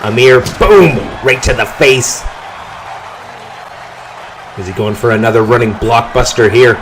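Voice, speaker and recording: A man calling a wrestling match play-by-play, his voice jumping up in pitch and volume on big moves and near-falls. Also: measured pace, a little hiss or hum. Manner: excited calls that rise on big moves and pin counts. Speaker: wrestling commentator. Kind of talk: play-by-play commentary.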